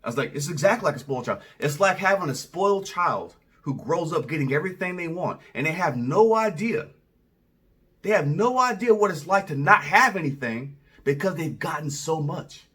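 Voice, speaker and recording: A man's voice: on the high side, fairly bright tone, far from the mic. A male vlogger giving a rambling, conversational opinion monologue to the camera.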